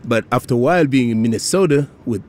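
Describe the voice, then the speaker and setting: A middle-aged man from Senegal, talking in an upbeat, animated way in an outdoor interview. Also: mid-range voice, fast talker. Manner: upbeat, animated, repeats himself. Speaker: interviewee, health advisory council chair. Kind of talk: casual interview.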